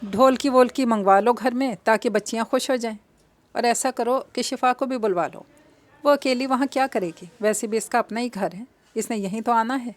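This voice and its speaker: Woman doing a sweet old granny in a storybook, gentle, coaxing, spoils the kids. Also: a little high, steady tone, lightly acted. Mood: affectionate. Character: elderly grandmother, affectionate and indulgent.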